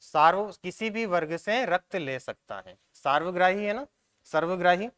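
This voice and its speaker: A male teacher, giving an exam-prep science lesson, asking questions and answering them himself, checking often whether it is clear. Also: sits high, animated, normal speed, fairly bright tone.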